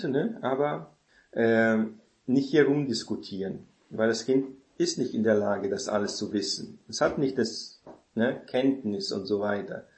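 A man's voice: medium pitch, darkish tone. A man giving an informal advice talk to an audience, often tagging his sentences with "ne?" and checking that listeners follow. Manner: keeps adding the tag "ne?" and asking listeners if they follow. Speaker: speaker giving parenting advice. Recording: roomy echo.

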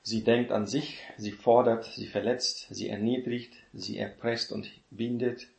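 A man giving a sermon, reading a list of contrasts slowly and repeating lines, often adding "ne?" as he teaches. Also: mid-range voice, flat delivery, vocal fry, roomy sound. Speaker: preacher.

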